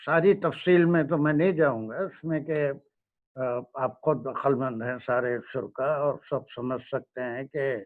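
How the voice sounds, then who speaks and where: A man giving a religious lecture, speaking slowly and pausing often to search for words. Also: mid-range voice, steady tone. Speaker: Quran lecturer. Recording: tinny phone-like recording.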